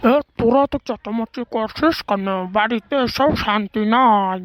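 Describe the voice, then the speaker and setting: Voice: mid-range voice, moderate pace, no echo, close to an everyday voice. A voice artist playing a grumpy cartoon father who has just come home. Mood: irritated.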